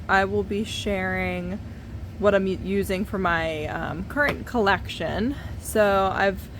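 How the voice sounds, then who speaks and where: A woman in her thirties gives a casual, chatty, hands-on painting tutorial from her basement studio. Her mid-range voice carries a little hiss or hum, since there's no external microphone and the camera sits at a distance.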